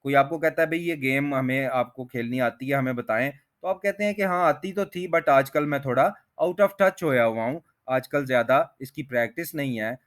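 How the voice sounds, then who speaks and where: A man teaching an English lesson to Urdu speakers, whose first language is Urdu, explaining patiently and spelling out example sentences word by word. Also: mid-range voice. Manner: reads example sentences word by word, slow and deliberate.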